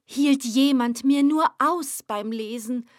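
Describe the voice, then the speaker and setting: A woman voicing an embittered, excitable poet who declaims loudly and with agitation in a recited poem. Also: on the high side, unhurried, no room sound, studio quality. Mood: furious ranting.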